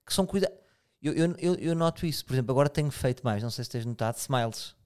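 A man's voice: mid-range voice, expressive, fast talker, a little mellow, clean tone. A man with a European Portuguese accent hosting a casual chat, asking probing, reflective questions.

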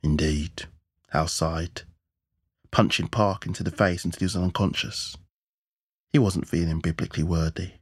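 A man narrates a story in a very low, husky voice. His delivery is measured and matter-of-fact. The recording is close and dry, with no room sound. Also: fairly even intonation, dry recording. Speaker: audiobook narrator. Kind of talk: scripted narration.

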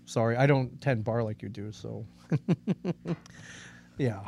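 A man's voice: medium pitch, expressive, slow pace, vocal fry, warm tone, husky. A man co-hosting a podcast in casual chat, rambling and joking at his own expense. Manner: rambling, joking, self-deprecating. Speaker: podcast co-host.

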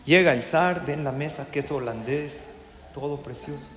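High-voiced rabbi in echoey hall. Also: male voice, moderate pace. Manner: storytelling, asks the audience questions. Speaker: rabbi teaching a class. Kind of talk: lively Torah class with anecdotes. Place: classroom or hall, in front of a group. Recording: echoey hall with long reverb.

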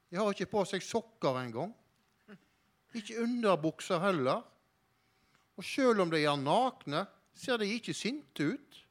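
A man with a somewhat high voice reads a children's story aloud. His narration is calm and even. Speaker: reader. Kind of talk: reading a children's book aloud.

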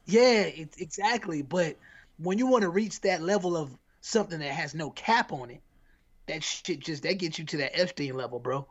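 A man's voice: on the high side, expressive, moderate pace, highs cut off. An American man co-hosting a podcast, chatting casually in a rambling, slangy way with lots of restarts. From United States. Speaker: podcast co-host. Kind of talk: casual chat.

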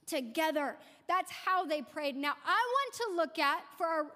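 Woman pastor preaching, super high voice, keeps repeating words for emphasis, long church echo. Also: expressive, moderate pace, pushed and bright. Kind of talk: sermon. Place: church sanctuary.

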